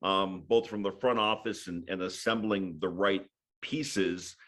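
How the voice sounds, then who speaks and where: Low-voiced Hawaii-raised man. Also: steady tone, unhurried, a bit bright. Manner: thoughtful, many fillers and restarts. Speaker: podcast guest, sports broadcaster. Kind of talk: casual interview chat.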